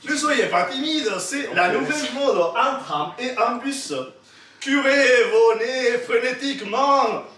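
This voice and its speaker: A man's voice: very high voice, slow pace, pushed and bright. A man performing a comic slam poem on stage with a non-native French accent, teasing the audience. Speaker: slam poet. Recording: echoey hall, from far off.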